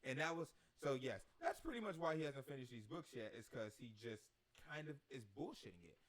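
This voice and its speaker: A man's voice: mid-range voice, very animated, fairly quick. A man hosting a casual podcast chat, talking in a rambling way with many restarts. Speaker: podcast host.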